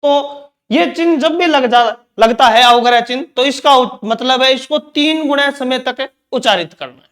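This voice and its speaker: A man's voice: very high-pitched, normal speed, hardly any pauses, a bit bright. A man teaching Hindi grammar in an exam-prep lecture, asking questions and answering them himself, repeating key terms.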